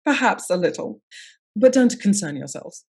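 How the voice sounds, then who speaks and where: A woman's voice: medium pitch, lively intonation, normal speed, a little mellow, slightly rough. Composed, commanding lady detective. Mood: calm, explanatory. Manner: articulate, formal, methodical accusing delivery. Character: shrewd, composed lady detective of Scotland Yard, commanding and assured. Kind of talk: period mystery radio play acting.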